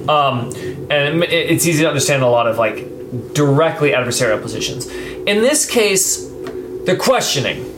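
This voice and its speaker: Animated male game master in an echoey room. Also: on the high side. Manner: halting, searching for words. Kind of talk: casual tabletop game narration. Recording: echoey room with clear background noise.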